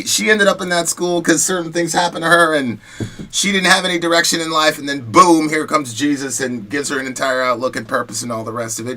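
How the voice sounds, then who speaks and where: The host here is a man whose voice runs a little high. He tells personal stories and gives laid-back, slang-filled commentary, keeping things animated and conversational.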